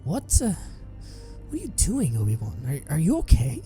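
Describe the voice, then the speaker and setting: A man voicing a brash young male Jedi knight who talks in a quick, flippant way. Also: on the low side, huge pitch swings, warm tone, faint music behind. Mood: uneasy.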